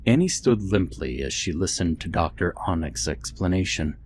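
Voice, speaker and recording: A man reading a scripted horror story in a steady, measured storytelling voice. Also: sits low. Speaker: narrator. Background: faint background music.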